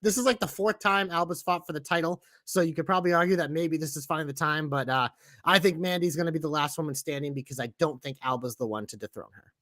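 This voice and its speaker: A man co-hosting a podcast in loose, profane banter. His voice sits high and bright. The sound is dry and close, with no room around it. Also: dry recording. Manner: crude, enthusiastic, fast banter. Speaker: podcast co-host. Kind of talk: casual wrestling chat.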